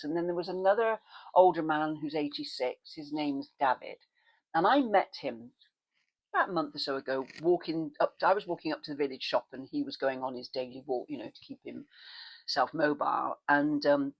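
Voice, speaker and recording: A woman's voice: normal speed, low-quality recording. A woman vlogging in a casual chat, rambling through asides and restarts. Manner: animated, with sudden pitch leaps when excited.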